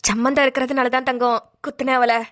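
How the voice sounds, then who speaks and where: A woman voicing a stern, resolute elderly village grandmother in a cartoon, speaking bluntly and gravely. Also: sits high, flat delivery, fairly bright tone. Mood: grim. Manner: blunt, unrepentant, slow and grave. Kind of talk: cartoon voice acting.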